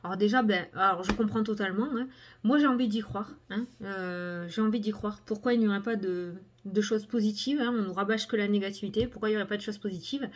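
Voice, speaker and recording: A woman's voice: medium pitch, fast. Chatty woman showing bracelets. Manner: chatty, many fillers, shows items to camera. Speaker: cartomancy video host. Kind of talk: casual product review chat.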